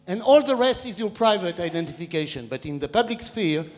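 An older man in the audience asking a long public question into a handheld mic, talking in a discursive way with hesitant pauses. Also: sits high, lively intonation. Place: large dark hall with an audience, standing. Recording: long reverb of a large hall.

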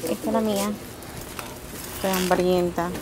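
Outdoors by a campground pool, amid loud crowd and ambient noise, a young vlogger from the Dominican Republic chats through her travel footage on a handheld camera. Her voice is fairly low and steady at a normal pace, her manner cheerful and filled with fillers.

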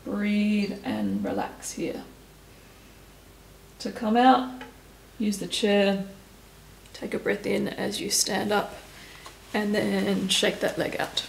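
A woman stretching instructor giving calm, step-by-step cues and counting down holds. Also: medium pitch, slow pace, vocal fry, long pauses, reverberant, slight background noise, poor audio. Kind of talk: guided exercise instruction.

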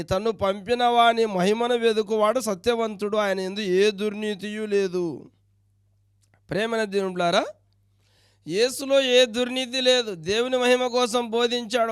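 A man preaches, his voice pitched high and ringing clear. He presses the congregation with quick questions and reads scripture between them. The sound is close and dry, with little room echo. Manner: preaching with rapid rhetorical questions, reading scripture aloud. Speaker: pastor. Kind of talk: sermon.

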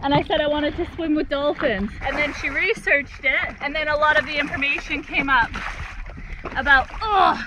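A woman's voice: sits high, moderate pace. A young woman vlogging aboard a sailboat at sea, chatty and joking, talking into an action camera outdoors. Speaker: sailing vlogger. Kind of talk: casual vlog chat and voice-over. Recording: loud wind and sea noise. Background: wind and water.

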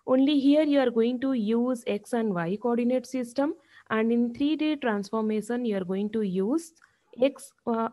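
A woman's voice: mid-range voice, dark tone, dull audio. A woman with an Indian accent giving an explanatory classroom lecture like a professor, often checking in with "okay?".

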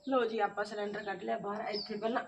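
A woman's voice: mid-range voice, little pitch movement, quick pace, gravelly, lo-fi sound. A middle-aged woman with a rural Malwai Punjabi accent, chatting casually and homely to viewers in a daily village vlog. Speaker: family vlogger. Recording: faint background noise, home vlog recording.

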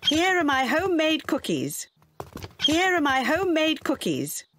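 A woman voicing a kindly, playful elderly grandmother pig with a British accent, gentle and coaxing, in a preschool cartoon. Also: high-pitched, wildly swooping pitch, measured pace, background noise, heavily acted.

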